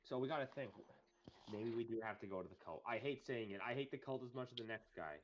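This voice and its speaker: A man's voice: medium pitch, fast, lo-fi sound. A man playing his character in a tabletop game, earnest and persuasive. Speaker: player. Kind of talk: in-character tabletop role-play.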